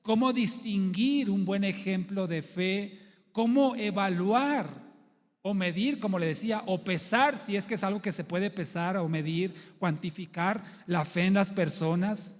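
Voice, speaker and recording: A man's voice: high-pitched, measured pace, in a large hall. A man preaching a sermon as pastor in a church, teaching through a string of rhetorical questions.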